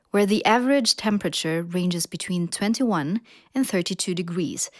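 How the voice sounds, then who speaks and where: A woman plays a young woman from Malaysia sharing culture shock in a listening-test clip, frank and mildly complaining. Her voice is mid-pitched and dry, with no room sound. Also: dry recording, lightly acted. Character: woman from Malaysia, young adult, bothered by the cold. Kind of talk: scripted testimonial for a listening test.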